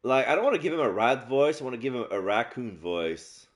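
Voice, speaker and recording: A man doing casual let's play narration, describing game scenes aloud in a halting way. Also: medium pitch, sing-song. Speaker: game streamer and voice-over player.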